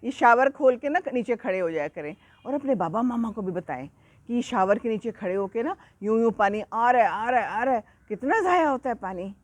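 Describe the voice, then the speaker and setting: Outdoors beneath a tree, a woman with a fairly high voice tells a story to young children, animated and constantly asking them questions. The recording is dry.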